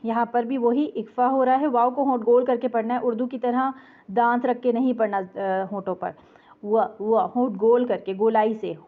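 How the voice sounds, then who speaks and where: A woman teaching Quran recitation, explaining pronunciation rules patiently and breaking words into syllables. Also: fairly high pitch. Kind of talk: tajweed lesson with slow recited examples. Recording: tinny phone-like audio.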